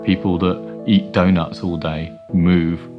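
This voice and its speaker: A man telling wry, animated stories in a documentary interview. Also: low-pitched, slow pace, dull audio, over music. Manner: animated, wry anecdotes with playful quoted voices. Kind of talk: storytelling interview.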